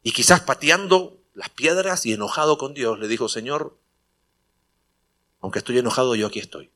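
A man's voice: mid-range voice, normal speed, bright, forceful tone. A man preaching a sermon, telling a personal story in a conversational way and acting out the dialogue before building to emphatic preaching. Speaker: pastor.

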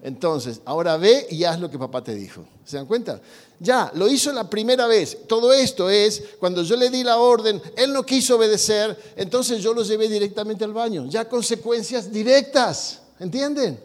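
A man preaches in a conversational way, asking his listeners question after question. His voice sits a little high for a man. Long reverb from a large hall trails after his words. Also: expressive, normal speed. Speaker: pastor. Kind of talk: sermon on parenting.

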